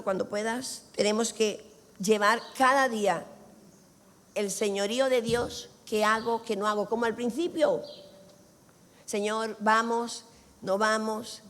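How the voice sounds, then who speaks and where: A woman, preaching an emphatic sermon that swings between loud and hushed and acts out little dialogues. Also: fairly high pitch. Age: 60s. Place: church hall. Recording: long church reverb with music behind.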